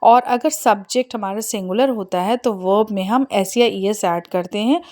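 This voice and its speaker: A woman with an Indian accent teaching an English lesson, explaining step by step and repeating each example slowly. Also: medium pitch, a little mellow. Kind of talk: spoken language lesson.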